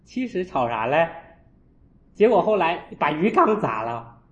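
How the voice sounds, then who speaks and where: A man, a Buddhist monk, giving a storytelling dharma talk and acting out his own scolding with sharp jumps in voice. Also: on the high side, sing-song, measured pace. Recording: echoey, dull lo-fi room.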